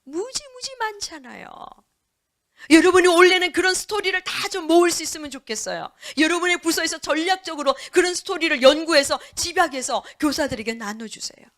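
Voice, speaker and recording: An older woman, a pastor's wife, giving a lively church lecture to Sunday school teachers, asking the audience questions and dropping to a whisper for emphasis. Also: very high voice, fairly quick.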